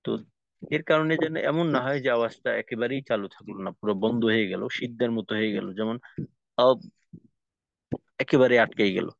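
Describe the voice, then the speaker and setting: A tajweed teacher with a gravelly, medium-pitched voice teaches Quran letter pronunciation in a recorded class. He goes slowly, explaining each step before drilling the sounds again and again. The dull lo-fi recording has no room sound.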